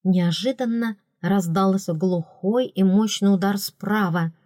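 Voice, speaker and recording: Woman narrator, middle-pitched voice, expressive first-person audiobook read, dry booth sound. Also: unhurried, dry recording. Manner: expressive, voicing characters with raised pitch.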